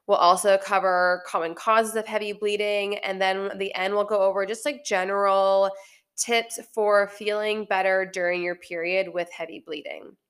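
A woman's voice: medium pitch, steady tone, moderate pace, fairly bright tone, clear, resonant tone. A woman with a slightly congested voice hosting a health podcast, explaining things in a friendly, casual way. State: congested, recovering from illness. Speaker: podcast host, naturopathic doctor.

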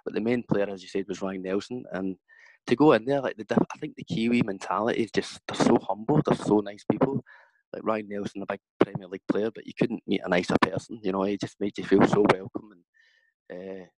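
A man's voice: fairly low pitch, steady tone, brisk, a little mellow, no room sound, poor audio. A man in his thirties with a broad Scottish accent, chatting casually as a former footballer being interviewed about his career. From Scotland.

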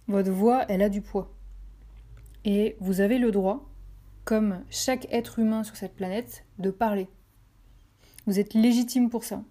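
In this motivational podcast, the host is a French woman with a medium-pitched, dark voice. She addresses her audience directly, offering encouragement and repeating phrases for emphasis.

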